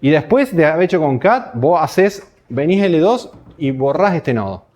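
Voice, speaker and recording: In a university lecture hall, a man from Uruguay teaches programming with a Rioplatense Spanish accent. He breaks each point down step by step and asks the class rhetorical questions, speaking at a normal speed in a slightly high, slightly mellow voice that is very animated.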